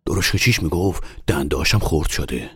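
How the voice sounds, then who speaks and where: A man voicing a burly, gruff driver-type with a husky, blunt delivery. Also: sits low, expressive, a bit bright, no echo, studio quality, full character voice.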